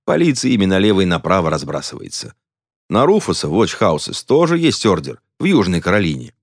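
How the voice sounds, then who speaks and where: A man's voice: sits low, huge pitch swings, fairly quick, no echo, studio quality, heavily acted. A man voicing a cranky, stubborn old church deacon who talks proudly and dismissively. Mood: offhand.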